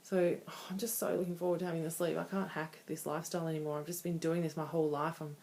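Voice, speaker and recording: A woman's voice: low voice, level tone, quick pace, darkish tone, a little hiss or hum. A woman in her thirties talking candidly and conversationally in a casual personal video diary. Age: 30s. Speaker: vlogger.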